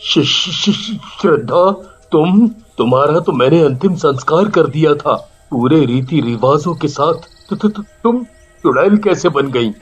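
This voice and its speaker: A man's voice: on the high side, lively intonation, unhurried, husky, soft background music. Man playing a stammering frightened young man. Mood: scared. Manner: stuttering.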